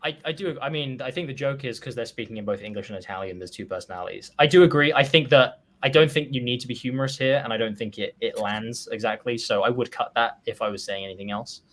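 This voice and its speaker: A man talks through a panel critique in a relaxed, meandering way. He hedges his points and fills pauses with ums, and his voice sits at an ordinary middle pitch. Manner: relaxed, hedging, many fillers and restarts. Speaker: co-host reviewing copywriting.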